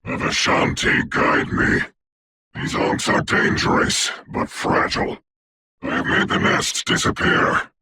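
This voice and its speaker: A man voicing a proud, grave sorcerer doctor in a video game, speaking formally and theatrically in a rough, whispery voice. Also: unhurried, background noise, lightly acted. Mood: grave, solemn. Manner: grandiose, formal, archaic, solemn delivery. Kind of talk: theatrical game character voice lines.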